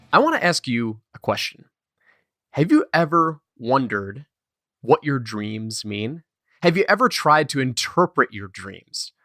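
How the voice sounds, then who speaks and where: A man's voice: fairly high pitch, bright, forceful tone, no room sound, clean studio sound. Upbeat man hosting a podcast. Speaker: podcast host. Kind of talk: podcast intro and interview.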